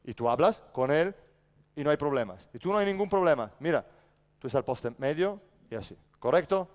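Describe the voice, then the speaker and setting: A man's voice: fairly high pitch, lively intonation, a little fast. A man coaching a basketball practice in a large indoor gym, barking short commands and then explaining patiently. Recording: echoey gym reverb.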